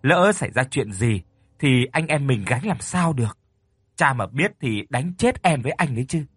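A man voicing a scared younger village boy, fast and high-pitched when frightened. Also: lively intonation, a bit bright, breathy edge, no room sound, clean studio sound. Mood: fearful.

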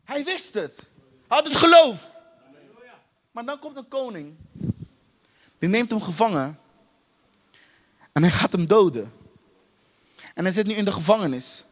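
A man with a very high voice preaches, hammering points home through repetition and direct questions to the congregation. His voice rings out in a large hall with a long, lingering reverb. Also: very animated, unhurried, pauses often, a bit bright. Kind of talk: sermon.

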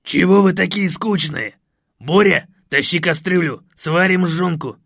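A brash, boisterous music producer, as a male narrator puts him on in an audiobook. He booms and pushes, with a high, gravelly voice. The sound is dry and close. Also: unhurried, no room sound, heavily acted. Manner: pushy, boisterous, shouting. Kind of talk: audiobook character voice.

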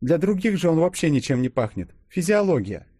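A man's voice: a little high, very animated, brisk, mellow, husky, no room sound, clean studio sound, pitched above the performer's own voice. A man voicing a clever young female agent in an audiobook, speaking in a matter-of-fact, explaining way.

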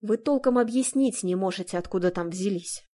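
A woman's voice: medium pitch, brisk, warm tone, natural voice. A woman voicing a stern, weary male police investigator with a dry, tired manner, read for an audiobook.

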